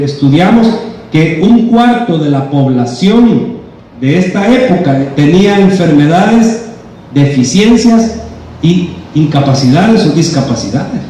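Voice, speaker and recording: Male pastor preaching in an echoey church. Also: high voice. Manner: addresses listeners as "hermano", rises to loud cries when quoting. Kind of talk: expository sermon. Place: church sanctuary. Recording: very echoey church hall from far off, faint noise.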